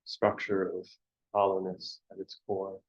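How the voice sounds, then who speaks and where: Speaking low and in a monotone, a man acts as teacher for a guided meditation. The mood is contemplative, with halting short phrases and long pauses, all captured on a muffled, dull recording.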